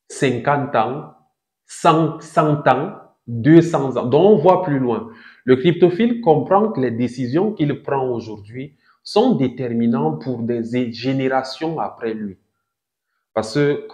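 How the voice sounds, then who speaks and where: A man in his thirties giving a didactic talk as host of a crypto channel, deliberate, with emphatic rises on key points. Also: mid-range voice, darkish tone. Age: 30s. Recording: echoey room, dull lo-fi sound.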